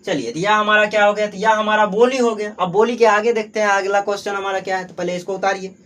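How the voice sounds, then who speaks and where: A young man with a Bihari Hindi accent and a notably high voice leads an exam-prep grammar lesson. He keeps putting questions to the class and answering them himself, and he leans heavily on the filler "jo hai" as he explains. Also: fairly even intonation, fast talker, a bit bright. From Bihar, Mithila region. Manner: asks and answers his own questions, heavy filler "jo hai". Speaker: teacher.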